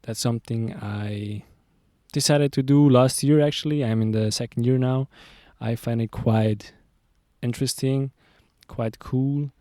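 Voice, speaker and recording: Man in his twenties, casual solo chat, level pitch, dry sound, lots of fillers. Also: a little slow, no room sound. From Zurich, Switzerland. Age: 20s. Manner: relaxed, rambling, many fillers and restarts. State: sweaty in the heat. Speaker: podcast host. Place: outdoors on a sunny hill.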